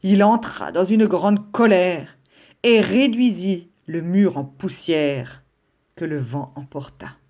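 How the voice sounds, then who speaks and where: A woman teacher reading a children's story aloud with an expressive storytelling delivery. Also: fairly low pitch, slow pace.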